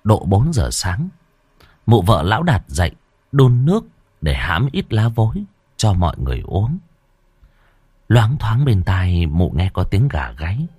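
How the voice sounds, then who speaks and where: Deep-voiced male horror storyteller. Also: a little slow, pauses often, breathy edge, no room sound. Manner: expressive, dramatic storytelling. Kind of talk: scripted horror story narration.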